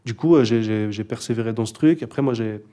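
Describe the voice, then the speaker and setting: In a casual interview, a young man who raps speaks quickly in a mellow, medium-pitched voice. He's laid-back and hesitant, often using fillers and starting over.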